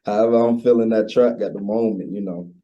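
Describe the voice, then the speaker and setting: The muffled recording catches a lowish, steady, brisk voice belonging to a Baltimore-accented man in his twenties. As an interview guest and recording artist, he chats casually, using slang in a laid-back manner.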